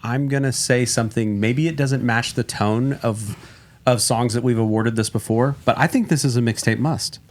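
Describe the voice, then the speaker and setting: A man's voice: mid-range voice, normal speed. A man co-hosting a podcast, chatting casually and gushing enthusiastically about music. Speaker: podcast co-host. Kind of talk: casual chat.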